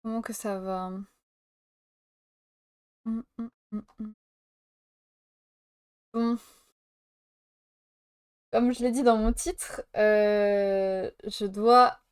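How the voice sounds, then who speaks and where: A teenage woman streams live from France, chatting to her viewers in a relaxed way. Her voice is smooth and clear, and she speaks at an unhurried pace. She laughs often and jokes around playfully. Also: mid-range voice. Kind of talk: casual live-stream chat.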